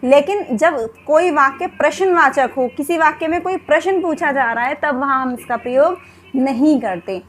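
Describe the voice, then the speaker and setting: A woman's voice: high voice, moderate pace, a little hiss or hum. A woman teaching a Hindi grammar lesson for exam preparation, who poses questions and then answers them herself, often saying "ठीक है". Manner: repeats "ठीक है" as a filler.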